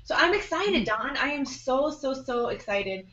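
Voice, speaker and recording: A bubbly woman chats excitedly as co-host of a live online show. Her fairly high voice sounds distant and echoey. The audio is dull and lo-fi. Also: a little slow. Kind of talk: casual live webinar chat.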